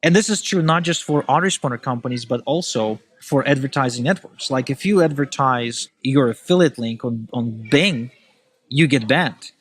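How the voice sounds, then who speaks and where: A man from Ukraine, a guest in a casual podcast conversation, talking in animated, opinionated bursts. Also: mid-range voice, moderate pace, husky. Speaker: podcast guest, email marketer.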